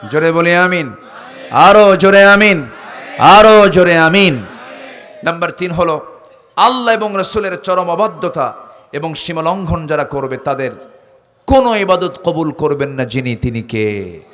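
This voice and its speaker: A man from Bangladesh preaching a sermon in a fairly high voice. He drops to quiet asides, then climbs to loud calls that pull responses from his listeners, and stretches his recitations into slow, drawn-out chants. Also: lively intonation.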